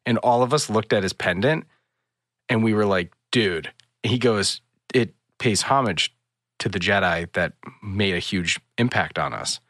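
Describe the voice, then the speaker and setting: A man co-hosting a casual chat show, telling a story with excitement and acting out the quotes. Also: fairly low pitch, moderate pace, no echo, clean studio sound. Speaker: podcast co-host.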